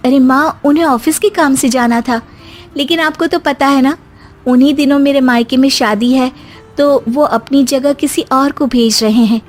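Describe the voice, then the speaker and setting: A young daughter-in-law in an animated family tale, acted by a woman. Her voice is high and lifted, polite and sweet as she explains herself, yet quietly assertive. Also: moderate pace, soft background music, close to an everyday voice. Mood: polite explaining.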